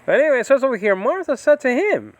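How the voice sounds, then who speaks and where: An American Bible teacher and ministry host rambles through an informal scripture study from his home in the Philippines, his voice very animated. He speaks haltingly and grows higher and louder whenever he reads scripture, all on a dry recording.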